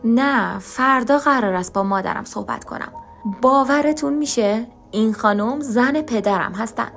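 A troubled young man speaks earnestly, turning questions over in a storybook reading, with a woman narrator giving him his lines. Soft music sits faintly under the voice. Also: fairly high pitch, creaky.

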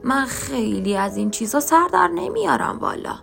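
A woman voicing a frail, limping old woman who talks slowly and gently, in a motherly way. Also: sits high, big pitch swings, gravelly, faint music behind, pitched above the performer's own voice, exaggerated voice. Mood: sweet, chatty.

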